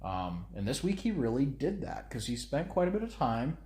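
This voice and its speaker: In this laid-back chat, a father in his thirties co-hosting a parenting podcast projects a commanding, carrying voice. It sits in the mid range with a darkish tone, very animated at a moderate pace, and the room sounds echoey.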